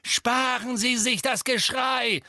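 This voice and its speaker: A defiant teenage wizard, voiced by a male narrator, shouting his taunts in a raised, bright voice. The delivery is animated and tense. There is a slight gravel underneath. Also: extremely high pitch, takes it slowly, no echo, studio quality, voice pushed up, full character voice. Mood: defiant taunting.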